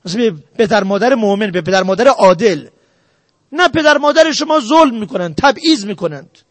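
Brief: male preacher with a very high voice, earnest and exhortative, dry close sound. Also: expressive, dry recording. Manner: earnest, exhorting the audience directly. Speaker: religious lecturer. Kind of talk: sermon on family ethics.

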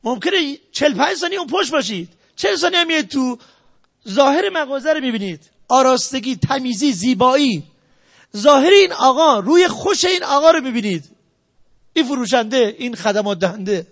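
A man giving a sales lecture, emphatic and repetitive, jumping between loud stresses and quiet asides. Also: extremely high pitch, lively intonation. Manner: emphatic, repetitive, talks straight to the audience. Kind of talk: motivational lecture.

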